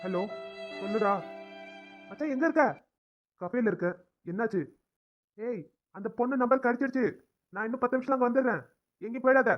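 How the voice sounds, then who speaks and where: A man's voice: very high voice, dull audio, over loud music. A man voicing young male doctors in a cartoon drama, chatting and joking between friends. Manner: brisk, chummy banter.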